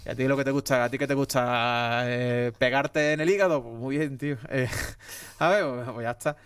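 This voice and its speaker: A man's voice: mid-range voice, moderate pace, a bit bright, clean tone, dry recording, clean studio sound. A man with an Andalusian accent from Andalusia, a guest comedian talking emphatically in a casual podcast conversation. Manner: emphatic and heated, many restarts.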